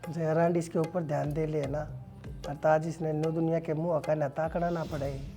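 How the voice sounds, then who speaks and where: A man's voice: on the high side, level tone, normal speed, mellow, soft background music, close to an everyday voice. A man playing a worried old village father with a Haryanvi accent, fretful and exhorting, in a family drama. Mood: quiet worry. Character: worried, pleading old village father urging his son. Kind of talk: web serial family drama acting.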